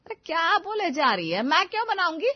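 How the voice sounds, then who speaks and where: A woman puts on a nagging older mother-in-law from a storybook, bossy and loud, scolding in shrill bursts. The voice sits fairly high. The recording is dull and lo-fi with a dry, close sound. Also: big pitch swings, normal speed, no echo. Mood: indignant.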